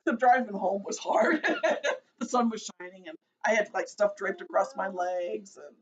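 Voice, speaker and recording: Sitting indoors at home, a co-host in her fifties rambles through a casual chat show, full of self-deprecating jokes, speaking at medium pitch and normal speed. The recording comes from a phone camera and sounds dull and lo-fi.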